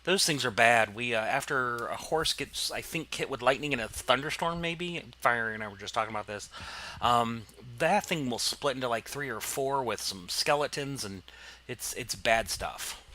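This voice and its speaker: A man's voice: medium pitch, moderate pace, pushed and bright. A man casually commenting on his gameplay, rambling and explaining as he goes, with plenty of fillers. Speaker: let's play host.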